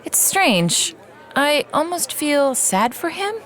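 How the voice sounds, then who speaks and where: An actress playing a cynical, secretive schemer in a comic fantasy audio drama, with a dry, teasing, dismissive manner. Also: female voice, sits high, big pitch swings, slow, a bit bright, a faint crowd, exaggerated voice. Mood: wry, reflective.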